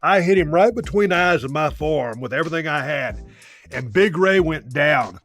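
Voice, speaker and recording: A man's voice: a little high, expressive, normal speed, a bit bright. A man and wrestler telling a story in an interview, in an emphatic, punchy delivery.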